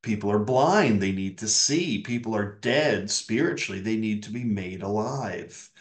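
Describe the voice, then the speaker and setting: Slow, emphatic preacher on a video call. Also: male voice, fairly low pitch, expressive. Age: middle-aged. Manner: earnest, emphatic, gestures with his hands, repeats key words. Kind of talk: sermon over video call. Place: home room with tall glazed bookcase. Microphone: webcam on a video call. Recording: echoey room.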